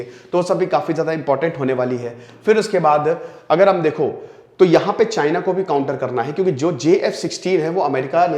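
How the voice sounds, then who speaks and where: A man's voice: a little high, a little mellow. Chatty man lecturing, echoey room. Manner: conversational, rhetorical questions, frequent "dekhiye" and "theek hai". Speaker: current affairs teacher. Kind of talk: explanatory exam-prep lecture.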